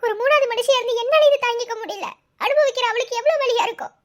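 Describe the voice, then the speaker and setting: An upset young wife in a village cartoon, voiced by a woman with a Madurai accent. Her voice is very high and squeaky, and she sounds tearful and indignant. She keeps sighing over the trouble in the family. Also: fast talker, a bit bright. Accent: Madurai Tamil.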